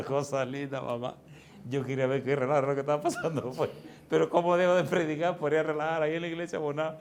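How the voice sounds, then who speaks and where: A man's voice: mid-range voice, a little hiss or hum. A Dominican pastor preaching a sermon, telling a folksy story and chuckling at his own anecdotes.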